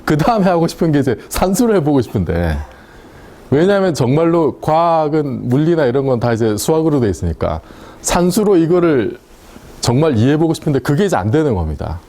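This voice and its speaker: A man's voice: fairly high pitch, very animated, fairly quick, mellow. Chatty man lecturing a university class. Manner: chatty, asks the class questions and laughs at his own points. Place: lecture room.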